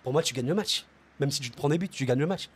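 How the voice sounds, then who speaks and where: Male football channel host, passionate solo debrief, addresses viewers as friends, slightly high pitch. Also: fast talker, slightly rough. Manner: repeats words and restarts phrases while thinking aloud.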